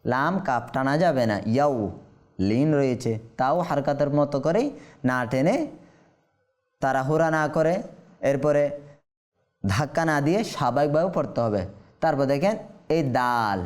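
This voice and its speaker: A man with a Bangladeshi Bengali accent teaching Quran recitation, explaining rules quickly and then chanting the verses slowly in a drawn-out voice. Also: medium pitch. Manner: asks questions and answers them himself. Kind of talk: tajweed lesson with slow chanted recitation.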